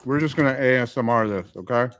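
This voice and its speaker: A man's voice: medium pitch, fast, a bit bright. A streamer who talks in a laid-back, joking way while he eats. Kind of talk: casual live-stream chat.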